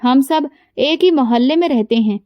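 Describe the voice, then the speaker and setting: A woman's voice: high-pitched, moderate pace, dry recording, lo-fi sound, close to an everyday voice. A woman reading the lines of a proud poor young boy who speaks hesitantly, bitter and sorrowful. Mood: grieving.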